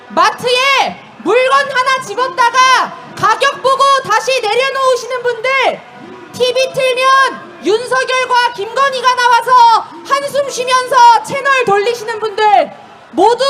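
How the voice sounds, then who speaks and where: A woman emceeing an outdoor street march, shouting slogans and leading the crowd in call-and-response chants. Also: very high-pitched. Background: crowd noise.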